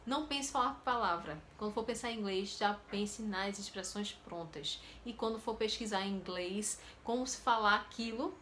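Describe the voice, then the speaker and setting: A Brazilian woman teaching English in a casual video lesson, lively and acting out inner thoughts, often repeating words. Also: mid-range voice, moderate pace, few pauses, slight background noise. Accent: Brazilian Portuguese. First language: Portuguese.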